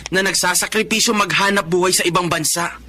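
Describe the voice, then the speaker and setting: Bright, intense young man in radio drama. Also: high voice, steady tone, fairly quick, a little hiss or hum. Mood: hurt, confrontational. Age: young adult. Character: dutiful, resentful grown son, aspiring policeman. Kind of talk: Tagalog radio drama acting.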